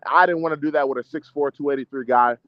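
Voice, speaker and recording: This American amateur boxer, in his mid-twenties and from the DC-Maryland-Virginia region, has a fairly high-pitched voice and a steady tone at a quick pace. He chats casually in an interview using slangy, confident, emphatic phrasing with lots of repetition. The audio is dull, with no echo.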